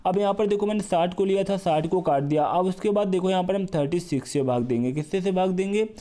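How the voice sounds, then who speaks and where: Male math tutor, slightly high, mellow voice; repeats steps, coaching tone for an exam-prep lesson. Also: fast talker. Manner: repetitive, step-by-step explaining, addresses viewers as brother. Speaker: math teacher.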